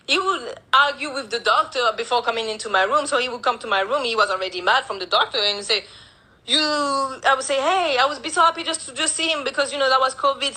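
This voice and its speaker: A woman telling a painful personal story in a halting way, with many restarts and retold dialogue, speaking English as a with as her first. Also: a little high, pushed and bright, poor audio. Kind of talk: emotional personal account.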